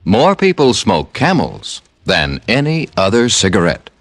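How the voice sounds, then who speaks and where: A man's voice: fairly low pitch, huge pitch swings, unhurried, fairly bright tone, no room sound. A man with an American accent reading an old-time radio advertisement as announcer, in a polished, emphatic sales manner.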